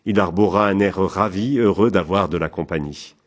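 A man narrating an audiobook in a calm, even, measured way. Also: low voice.

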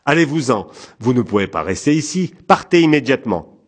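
A man voicing a frightened, hostile middle-aged farmer, in a harsh, shouting, agitated way. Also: medium pitch, very animated, brisk, husky, pitched above the performer's own voice.

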